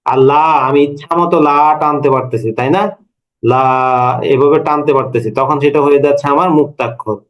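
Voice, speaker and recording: A man's voice: on the high side, fast talker, rough recording. A man in his thirties teaching a language lesson to a class, explaining step by step and asking his students questions. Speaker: Bengali language lecturer. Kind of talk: classroom lecture.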